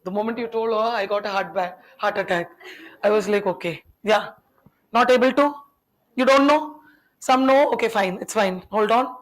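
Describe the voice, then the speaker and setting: Over a rough recording, a young woman whose first language is Tamil lectures her class at a moderate pace in a mid-range voice. She peppers the students with questions and ribs them in a talkative manner.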